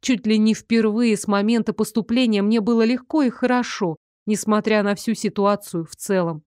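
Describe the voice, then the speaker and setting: Female audiobook narrator, first-person fantasy, steady expressive read, dry close mic. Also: medium pitch, normal speed, no echo.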